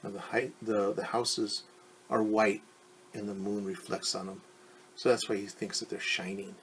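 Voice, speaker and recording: With a slightly low, level voice, a male teacher works through a picture book for children, halting to clarify words and test them with questions. There is slight background noise.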